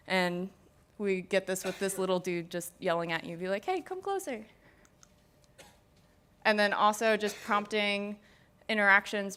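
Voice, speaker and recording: A woman's voice: on the low side, a bit bright, clean tone. A young woman giving a casual conference talk on VR design, speaking into a stage mic and filling her sentences with "like.". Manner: casual, filler-heavy, many "like"s.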